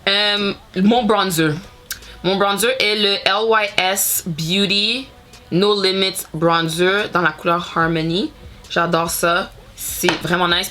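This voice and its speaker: A woman's voice: fairly low pitch, bright, forceful tone. A woman in her thirties from Montreal with a Quebec French accent, chatting casually as a beauty vlogger and slipping between French and English with lots of fillers. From Montreal, Canada. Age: 30s. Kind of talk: casual get-ready-with-me chat.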